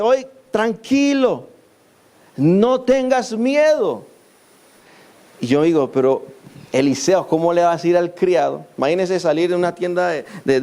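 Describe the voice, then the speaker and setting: A man's voice: on the high side, darkish tone. A man preaching a sermon in church, telling a scripture story and acting out its people in quoted lines.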